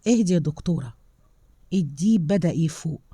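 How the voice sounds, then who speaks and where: A woman's voice: deep voice, expressive, fairly quick, mellow, husky, no room sound, studio quality. A woman voicing a composed male team leader.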